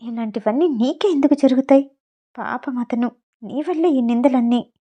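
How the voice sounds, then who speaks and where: A woman voicing a troubled young bride who speaks softly and low, in a storybook reading. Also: normal speed, highs cut off. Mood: sorrowful. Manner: whispering softly.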